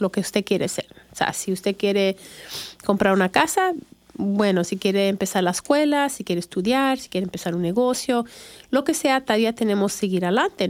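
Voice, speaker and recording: Her voice is medium in pitch with a darkish quality, recorded with no room sound. She is a middle-aged Chicagoan, a real estate agent who hosts a radio show, chatting informally with frequent fillers and false starts.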